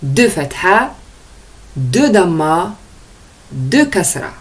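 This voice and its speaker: Slow, low-voiced woman teaching letters. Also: sing-song. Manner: drills each sound slowly, mixing French explanations. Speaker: Arabic teacher. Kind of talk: slow letter-by-letter pronunciation lesson.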